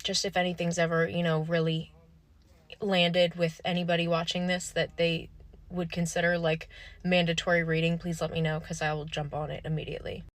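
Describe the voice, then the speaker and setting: A woman's voice: fairly low pitch, level tone, a little fast. A woman talking straight to her viewers in a vlog, impassioned and emphatic, swearing for emphasis. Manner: earnest, addresses viewers directly. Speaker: vlogger. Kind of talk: direct-to-camera vlog monologue.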